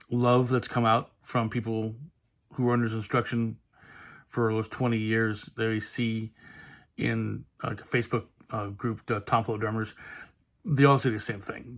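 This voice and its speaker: A man hosting his channel, giving a casual spoken tribute in a halting, reflective way with many fillers. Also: lowish voice, gravelly, fairly bright tone. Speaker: channel host.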